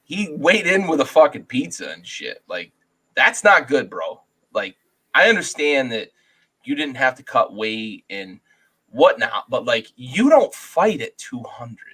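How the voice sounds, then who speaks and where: A man's voice: medium pitch, big pitch swings, measured pace, bright, forceful tone, slightly rough, low-quality recording. A man co-hosting a casual sports podcast over a video call, rambling through his fight pick with lots of swearing and restarts. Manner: rambling, profane, restarts often. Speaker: podcast co-host, fight picker.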